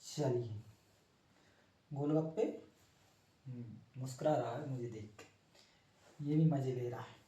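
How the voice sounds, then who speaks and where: A man's voice: mid-range voice, slow, long pauses, dark tone, far from the mic. A young man teaching a class informally, joking and teasing himself and his students as he draws. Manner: playful, self-mocking, chatty. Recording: echoey room, voice from off-mic.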